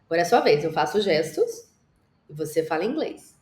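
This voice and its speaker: A woman teaching an English lesson with gestures, speaking to the viewer in an encouraging way and drawing out the model sentences slowly for repetition. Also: on the low side, very animated, darkish tone, reverberant.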